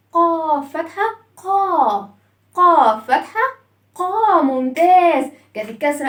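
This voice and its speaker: A woman with a high voice and an Egyptian Arabic accent teaches children their letters in a phonics lesson, heard from a distant mic in an echoey room. She uses call-and-response, asking questions, praising the kids' answers, and telling the letters' story as characters.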